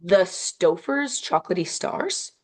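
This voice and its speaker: A young woman co-hosting a podcast, ranting in an animated, exasperated way with casual swearing. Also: lowish voice, measured pace. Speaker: podcast co-host. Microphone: home recording, on camera.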